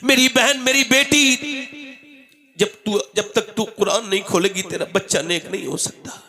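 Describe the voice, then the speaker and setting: High-pitched, gravelly male preacher. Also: steady tone, a little slow, pushed and bright. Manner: exhorting, repeats questions and calls for responses. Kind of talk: fiery sermon to a gathering. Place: religious gathering, through a PA.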